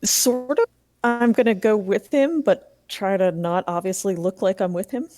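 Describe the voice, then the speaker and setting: A woman's voice: medium pitch, moderate pace, darkish tone, no echo, faint music behind. A woman playing a tabletop game, talking hesitantly and brushing off her own ideas. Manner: hesitant, self-deprecating. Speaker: player. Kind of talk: casual tabletop play.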